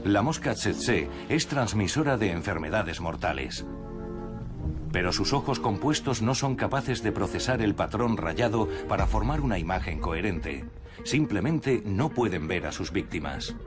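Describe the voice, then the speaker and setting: A man's voice: fairly low pitch, animated, unhurried. A man reading scripted narration for a nature documentary. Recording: music under the voice. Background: prominent music.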